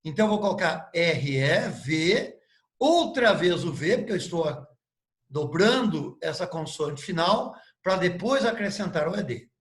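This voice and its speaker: Guy teaching english, native portuguese speaker, high voice, spells stuff out letter by letter, echoey room. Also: animated, unhurried. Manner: patient, spells words letter by letter and asks questions. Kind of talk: live online lesson.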